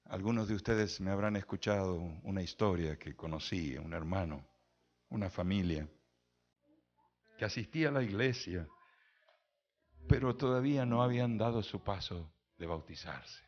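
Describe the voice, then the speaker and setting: Husky preacher with lively pitch. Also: male voice, moderate pace, muffled recording. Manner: storytelling preacher quoting conversations, emphatic pitch swings. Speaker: pastor. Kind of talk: sermon.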